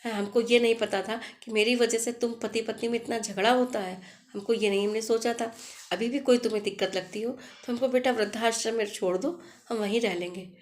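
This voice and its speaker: A woman's voice: on the high side, fairly even intonation, fairly quick, close to an everyday voice. A woman voicing a distraught elderly village mother who pleads tearfully for her lost son. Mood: pleading.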